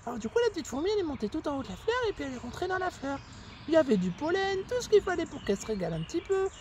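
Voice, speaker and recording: A woman's voice: high-pitched, very animated, rapid-fire, darkish tone, slight background noise. A woman voicing a cheerful young male squirrel who tells a children's story in a chatty way, full of fillers. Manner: chatty, uses many fillers.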